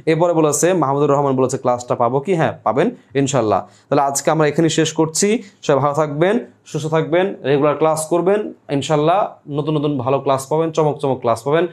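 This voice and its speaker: A man's voice: on the high side, fast, a little mellow. A young man teaching a live online Bengali class, reading out viewer comments and explaining pronunciation step by step with many repeated questions to the class.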